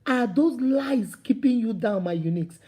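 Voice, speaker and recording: Speaking to camera, a Nigerian-accented motivational speaker gives a fired-up, animated talk at a moderate pace. Her high voice is husky at the edges yet mellow, and her repeating, building phrases climb to emphatic calls in a preachy style.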